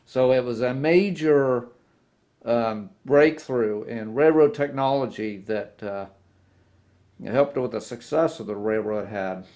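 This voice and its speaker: A man talks slowly through a hobby tutorial at his workbench, pausing and restarting his sentences often. His voice sits at an ordinary middle pitch, and he sounds relaxed and unscripted. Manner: unhurried, halting, many restarts and fillers. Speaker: model railroad video host. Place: indoor workbench with model trains.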